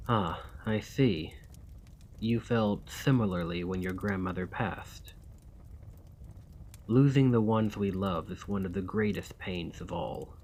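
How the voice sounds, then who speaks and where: Weary and pleading, the man's low, darkish voice carries a vampire character centuries old, formerly a soldier, in ASMR roleplay. He speaks courtly, measured, old-fashioned formal language, with a little hiss or hum on the recording.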